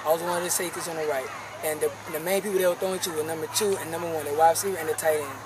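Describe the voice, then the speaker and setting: A man's voice: fairly high pitch, steady tone, rapid-fire. A teenage boy, a football player explaining plays in a postgame interview outdoors. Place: outdoor football field at night. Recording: distant mic with outdoor noise.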